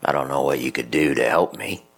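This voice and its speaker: A man voicing a dying old man, using a low, gruff voice full of regret. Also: fairly quick, a bit bright, exaggerated voice. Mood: weary.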